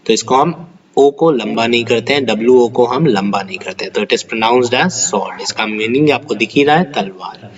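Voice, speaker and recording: A male pronunciation teacher giving a lesson, explaining slowly and checking in with his students. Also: medium pitch, muffled recording, a crowd in the background. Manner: explanatory, repeats words slowly and asks "right?". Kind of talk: classroom-style lesson in Hindi and English.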